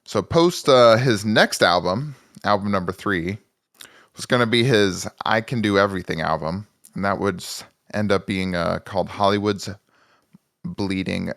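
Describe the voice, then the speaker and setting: A man's voice: lowish voice, moderate pace, gravelly, a bit bright, dry recording, studio quality. A man co-hosting a music podcast in casual chat, joking and self-mocking, rambling with restarts. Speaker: podcast co-host.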